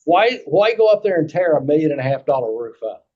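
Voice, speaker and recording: Man, Kentucky accent, slightly high dark voice, folksy explainer, repeats for emphasis, dull meeting recording. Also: sing-song, a little fast. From Kentucky, United States. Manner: folksy, repeats points for emphasis, checks with "okay?". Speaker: insurance agent presenting to committee.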